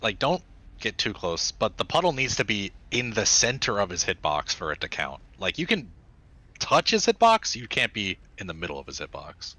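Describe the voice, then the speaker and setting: A man in a raid group adding quick clarifications about tactics over voice chat. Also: on the low side, sing-song, sharp tone, low-quality recording. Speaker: raid member. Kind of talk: casual strategy talk on voice chat.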